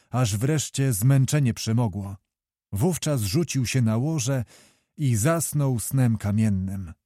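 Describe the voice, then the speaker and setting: A male audiobook narrator telling a historical novel in a measured, even way. His voice is warm and mellow, in a middle register. The recording is close and dry, with no room sound. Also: medium pitch, no echo.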